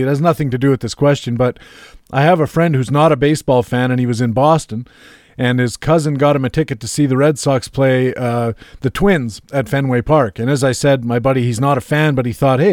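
A man hosting a radio talk show, telling an anecdote in a slow, deliberate way. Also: mid-range voice, a little mellow, no room sound, studio quality. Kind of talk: casual radio chat.

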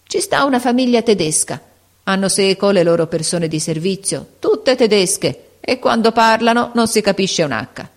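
A woman's voice: mid-range voice, expressive, moderate pace, pitched above the performer's own voice. A woman reading aloud voices an older woman concierge who talks in an ironic, imperious, suspicious way.

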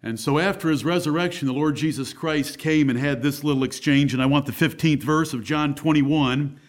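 A man's voice: a little high, moderate pace. A man preaching a sermon as pastor at a pulpit microphone, emphatic and blunt.

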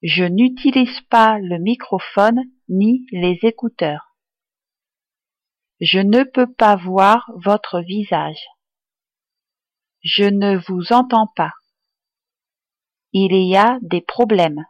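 A woman tutor reading useful phrases aloud for learners, enunciating each one clearly and deliberately. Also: medium pitch, no echo, dull audio. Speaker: language tutor.

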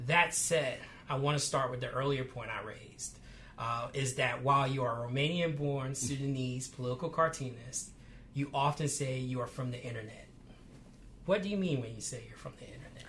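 A man hosting a podcast interview, giving measured, formal introductions and asking questions. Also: mid-range voice, a bit bright, slight background noise. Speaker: podcast host.

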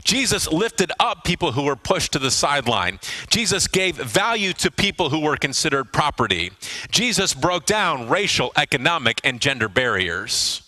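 A middle-aged man, a pastor, preaching a sermon to a congregation in a church, pausing for emphasis and dropping low on key words. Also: sing-song, pushed and bright.

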